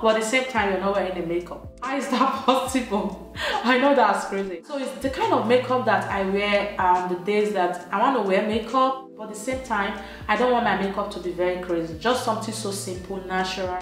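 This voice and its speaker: A young Nigerian woman with an Edo accent, chatting her way through a makeup tutorial in Pidgin English, laughing often. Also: mid-range voice. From Nigeria, Benin City, Edo State. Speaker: beauty vlogger. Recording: very echoey room, soft music behind.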